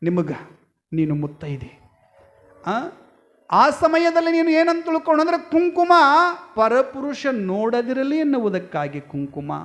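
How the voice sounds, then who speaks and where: A man's voice: high-pitched, a little mellow. A man with a North Karnataka Kannada accent preaching a devotional sermon, folksy, telling stories and calling out to the women listening. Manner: folksy, addresses women as yavva, acts out story voices. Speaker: swami preacher.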